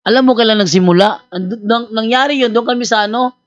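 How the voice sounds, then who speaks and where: Animated male priest telling a story. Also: very high voice, fast talker, dry recording, dull audio. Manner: animated, teasing storyteller acting out both sides of a dialogue; conversational, with frequent fillers and restarts. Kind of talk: storytelling apologetics talk.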